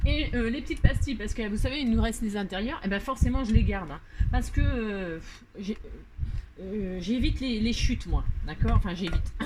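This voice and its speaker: A French-accented woman talks her way through a card-making tutorial, chatty and joking at her own expense, with lots of hesitations and repeats. Her pitch sits mid-range for a woman. A steady background noise and clicking run under the recording. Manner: chatty and self-mocking, many fillers and repeated words. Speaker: crafting tutorial host. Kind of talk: casual crafting tutorial.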